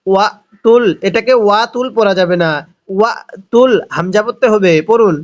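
A man teaching Quran reading, who recites the verses slowly, syllable by syllable, and adds quick spoken explanations. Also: high-pitched, muffled recording. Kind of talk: slow spelled-out Quran recitation lesson.

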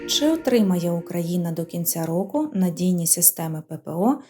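A woman interviewer reading out prepared questions in a measured way. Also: fairly low pitch, lively intonation, loud music behind the voice.

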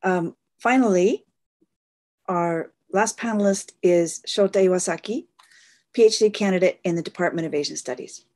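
A woman with a slightly low voice moderates an online panel. She introduces speakers over a video call. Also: moderate pace, a little mellow.

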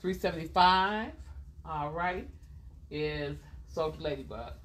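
Over background noise, a woman with a low, animated voice talks slowly while selling clothes on a live stream from a boutique. The host keeps things casual and chatty, going over item numbers and prices again and again.

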